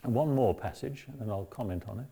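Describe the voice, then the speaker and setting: A man giving a lecture on a Bible book, reading passages aloud and explaining them in a measured way. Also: medium pitch, creaky, dark tone, slightly rough. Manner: measured, explanatory, raises voice when quoting. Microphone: battery-powered mic.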